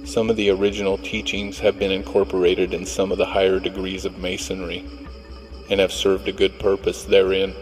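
A male reverend reading a doctrinal text aloud in a measured, formal way. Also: sits low. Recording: long hall reverb with faint music.

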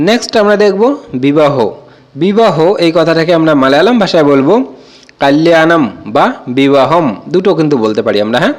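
A patient, slightly high-voiced Bangladeshi man. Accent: Bangladeshi Bengali. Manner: repetitive, patient, repeats each word slowly. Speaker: language teacher. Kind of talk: word-by-word vocabulary lesson.

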